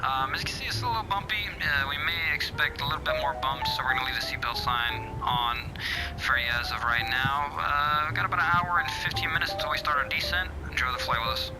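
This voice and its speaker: A man giving a captain's cabin announcement from the flight deck in a relaxed, filler-heavy PA cadence. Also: a little high, a little fast, loud music behind the voice, rough recording. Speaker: flight sim streamer playing airline captain. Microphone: headset.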